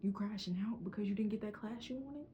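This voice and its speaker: A woman's voice: medium pitch, quick pace, muffled recording, a little hiss or hum. A young woman giving a casual, encouraging pep talk in a vlog, with a runny nose. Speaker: vlogger.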